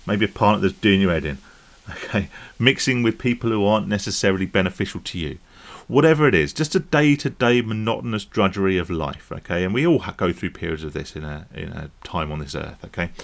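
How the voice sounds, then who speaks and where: His deep, creaky voice moves fairly quickly with lively intonation. In a casual, rambling chat to camera, this gambling-recovery YouTube vlogger keeps checking in with the viewer using "right?" and "okay?".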